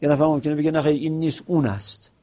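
The seminary teacher here has a slightly high, warm voice with a steady tone. Working in Persian, he quotes short Arabic phrases, uses examples to explain and raises questions for himself to answer.

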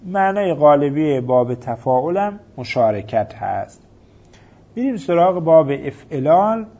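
Husky man drilling verb conjugations. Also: fairly high pitch, very animated, mellow. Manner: patient, methodical, drilling forms in chanted lists. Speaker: teacher. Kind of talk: Arabic grammar lesson, reciting verb conjugations. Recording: dull lo-fi recording.

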